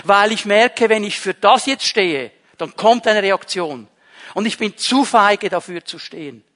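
A man's voice: high voice, measured pace, fairly bright tone, in a large hall. A man with a Swiss German accent, preaching a sermon as pastor, emphatic and repeating key phrases. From Switzerland.

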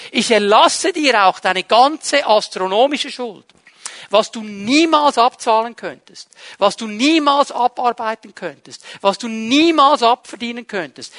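A man preaching a sermon, retelling a parable with dramatic emphasis, repeating phrases and addressing listeners directly, dropping low and quiet for key points. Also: no room sound.

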